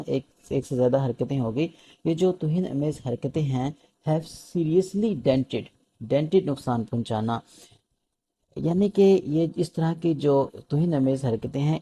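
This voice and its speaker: Pakistani man teaching vocab, husky dark voice, reads English lines slowly then explains. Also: a little high.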